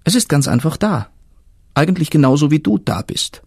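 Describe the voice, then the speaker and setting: A man voicing an ancient, patient, all-knowing river spirit in a storybook reading, speaking in a solemn murmur with a husky tone. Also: fairly high pitch, expressive, moderate pace, a little mellow, dry recording, clean studio sound, voice pushed up, full character voice.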